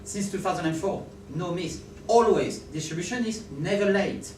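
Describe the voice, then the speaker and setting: A high-pitched man with a French accent gives an animated conference talk at a moderate pace, often asking listeners if they're following and inviting agreement. Captured from afar in a large hall, the audio is roomy with a slight hiss or hum.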